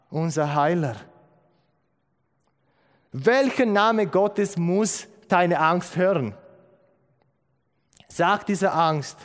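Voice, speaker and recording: A man preaching a sermon, slow and emphatic, repeating key phrases. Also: fairly high pitch, fairly bright tone. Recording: long hall reverb.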